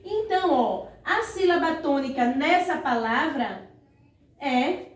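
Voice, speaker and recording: Slow high-voiced teacher woman, echoey room. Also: expressive, distant mic. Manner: slow, stretched-out syllables when saying words; frequent "ó" and "vejam só" prompts to pupils. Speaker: primary school teacher. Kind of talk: online classroom lesson. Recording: echoey room, voice away from the mic.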